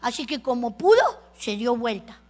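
A woman telling a story to children in an expressive, soft-spoken way, with long pauses. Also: fairly high pitch.

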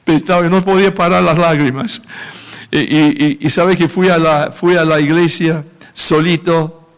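A man, a pastor, preaching a testimony, speaking emotionally and lifting his voice high when he acts out his own prayers. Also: steady tone, moderate pace, smooth. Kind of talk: sermon testimony.

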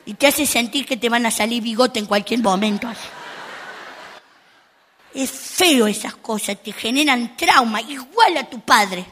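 A woman's voice: on the high side, a little slow, fairly bright tone. A woman comic playing a cheeky, indignant little girl, complaining in a stand-up monologue full of sassy rhetorical asides.

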